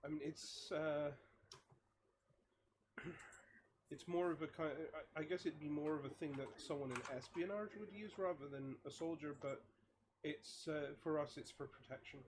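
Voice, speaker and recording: Higher-voiced man chatting at a game table. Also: measured pace, long pauses, noisy background. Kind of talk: casual game-table chat.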